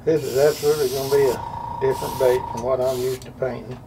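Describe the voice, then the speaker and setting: A man demonstrates lure painting in an indoor workshop, talking in an easygoing, folksy way as a casual how-to. His voice is mid-range, level and brisk. The mic is distant and the workshop is noisy.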